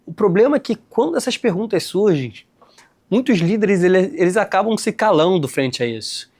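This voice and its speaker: A young man from Rio de Janeiro, hosting a casual explainer and talking straight to his viewers in relaxed slang. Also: high-pitched, normal speed. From Rio de Janeiro, Brazil. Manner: conversational, addresses viewers directly with slang. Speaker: host, licensed tour guide.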